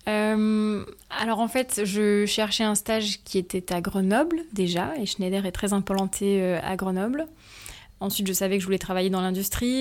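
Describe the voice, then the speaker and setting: A French woman in her twenties, a factory team manager, is being interviewed about her work. Her voice is medium-pitched and somewhat dark, and she answers with lots of hesitant fillers and careful explanations.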